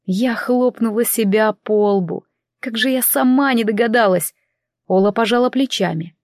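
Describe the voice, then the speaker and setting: A woman narrating a fantasy novel in the first person in an even storytelling manner. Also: fairly high pitch, normal speed, no room sound, studio quality. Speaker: audiobook narrator.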